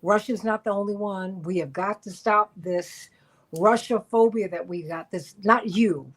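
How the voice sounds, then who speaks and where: A woman's voice: medium pitch, a little slow. A woman hosting a radio panel talk show who speaks emphatically and repeats words for stress. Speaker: host.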